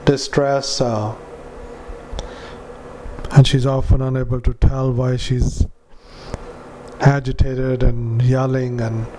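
Male clinician dictating to a recorder; very flat, halting, mid-pitched. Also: slight background noise, low-quality recording. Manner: halting, with many filler sounds and restarts. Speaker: clinician dictating a patient report. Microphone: handheld dictaphone.

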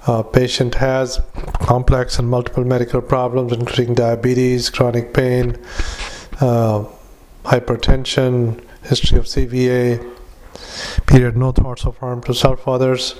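A man gives a medical dictation in a flat, even voice. He speaks as a clinician working through notes, in clipped, list-like phrases. His delivery is halting, with frequent fillers between items. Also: mid-range voice, slight background noise. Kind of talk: medical dictation with spoken punctuation.

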